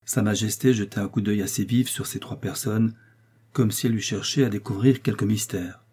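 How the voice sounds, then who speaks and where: A man reading a classic story aloud as an audiobook, measured and storytelling. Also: lowish voice, steady tone, warm tone, breathy edge. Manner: measured storytelling, voicing characters. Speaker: audiobook reader. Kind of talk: literary audiobook narration.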